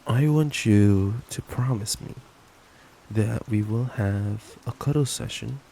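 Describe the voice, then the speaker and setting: Slow, creaky, and mellow, with a lowish pitch, a young man reads a bedtime story as an affectionate, playful ASMR boyfriend, stumbling and giggling in asides. The track is noisy, with rain ambience behind him.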